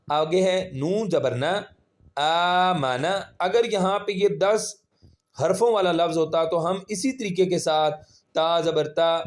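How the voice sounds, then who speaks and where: A man teaching Quran reading, spelling out syllables slowly and patiently and drawing out the vowels. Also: a little high. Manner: slow, patient, drawn-out syllables when spelling. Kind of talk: spelling-out recitation lesson.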